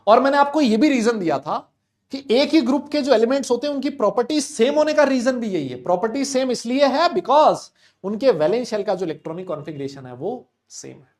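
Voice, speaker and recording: A man teaching chemistry in a live online class, speaking loudly and repeating students' questions back to them. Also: very high-pitched, expressive, fairly quick. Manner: loud, talks to students, voices their questions back. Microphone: desk mic with level meter.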